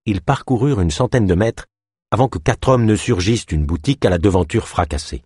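A man reading a thriller novel aloud as narrator, expressive storytelling. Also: on the low side, fairly quick, breathy edge, no room sound, clean studio sound. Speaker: audiobook narrator. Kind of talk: scripted narration.

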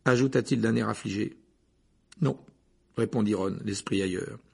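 A man narrating an audiobook in a measured, even storytelling manner. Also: fairly low pitch, creaky, breathy edge. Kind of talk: scripted narration.

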